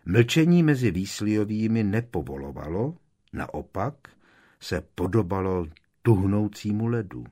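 A man's voice: fairly low pitch, big pitch swings, dark tone. A man reading an audiobook aloud, telling the story expressively. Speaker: audiobook narrator.

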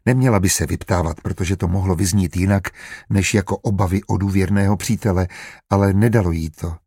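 Low, husky male audiobook narrator. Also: steady tone, warm tone, no room sound, studio quality. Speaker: audiobook reader. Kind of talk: scripted narration.

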